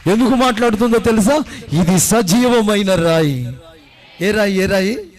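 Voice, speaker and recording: A male pastor preaching a fervent sermon, rising to loud exclamations, repeating phrases and calling for amens and applause. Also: high-pitched, animated, measured pace, slight background noise.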